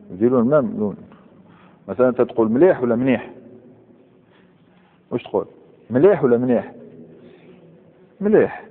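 A man with an Algerian Arabic accent gives a grammar class, firing questions at his students and slowly reciting verb forms one by one. His voice sits at an ordinary pitch. The recording is thin and phone-like, with a long, echoing tail from a large hall. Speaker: Islamic scholar teaching Arabic grammar. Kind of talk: classroom lecture. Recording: tinny, echoey hall recording.

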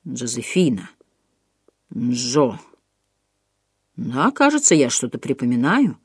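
A woman's voice: a bass voice, very animated, slow, darkish tone, husky, no echo, studio quality, pitched below the performer's own voice, full character voice. A woman voicing a timid, bewildered man. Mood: hesitant. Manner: hesitant, unsure. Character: confused, timid young man who lost his memory.

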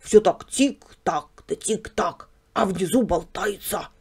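A woman's voice: medium pitch, takes it slowly, slightly rough, full character voice. A woman voicing a naive, simple male yard dog who keeps asking puzzled questions, read as a storybook character.

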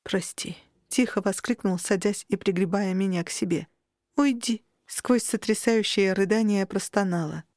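A woman's voice: mid-range voice, fairly even intonation, normal speed, few pauses, darkish tone, dry recording, studio quality. A young woman narrating a novel in the first person, emotional and rising sharply when the heroine is in distress. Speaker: audiobook narrator.

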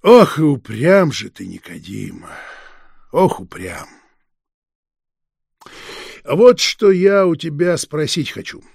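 A man reading a crafty detective chief who needles his suspect, swooping from coaxing lows to sharp, raised highs. The voice is raised and gravelly, with a husky edge. It sounds dry and close, as in a studio audiobook. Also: sing-song, no room sound, exaggerated voice. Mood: needling. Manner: slow, needling, teasing interrogation. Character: sly, mocking older police detective chief.

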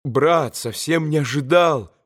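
Earnest gentle young man, heated when pressed, read by a man. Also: on the high side, slow pace.

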